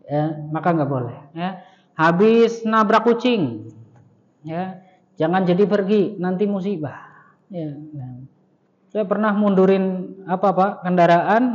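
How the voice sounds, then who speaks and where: A male Islamic teacher giving a conversational study lecture in a mosque, joking and putting rhetorical questions to the audience. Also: high voice. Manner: fills phrases with "ya" and "nah". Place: mosque hall. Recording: reverberant mosque hall, dull lo-fi sound.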